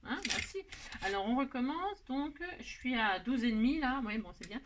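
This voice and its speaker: A woman's voice: on the high side, expressive, normal speed, background noise. A woman hosting a card-making tutorial, chatting casually and joking about her own mistakes while she works. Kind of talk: casual self-mocking craft tutorial.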